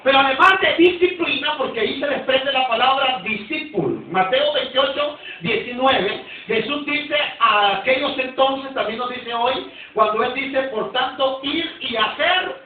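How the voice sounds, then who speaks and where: A Nicaraguan pastor teaches in a very high, emphatic voice, restarting phrases and urging the congregation to repeat after him. He sounds far from the mic in a big echoing church hall. The recording is thin and phone-like. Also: animated, measured pace. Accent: Nicaraguan Spanish. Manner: emphatic, calls for congregation responses. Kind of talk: Sunday school teaching sermon.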